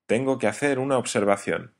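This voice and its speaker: A man reading an audiobook, voicing a hot-tempered sailor who talks loud and blunt. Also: mid-range voice, expressive, brisk, vocal fry, pitched above the performer's own voice. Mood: eager.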